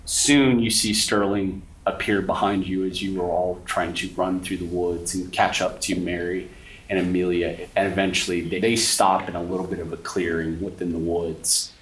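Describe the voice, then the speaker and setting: A man's voice: low voice, flat delivery, moderate pace. A man narrating a tabletop horror game as game master, describing scenes and talking directly to the players. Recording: roomy echo, distant mic, faint noise.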